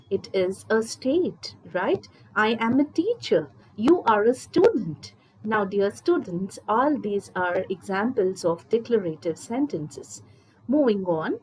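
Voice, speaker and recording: A woman's voice: mid-range voice, darkish tone, slight background noise, poor audio. A woman teacher, explaining a grammar lesson to her students patiently and step by step. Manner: slow, patient explaining, addresses students directly. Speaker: English teacher. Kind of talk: recorded school lesson.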